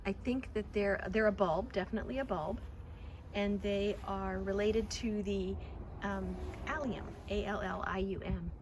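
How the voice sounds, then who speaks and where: A woman's voice: medium pitch, steady tone, measured pace, a little mellow, a little hiss or hum. A woman giving a casual, chatty garden tour, talking with enthusiastic affection about and to her plants outdoors. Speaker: garden vlogger.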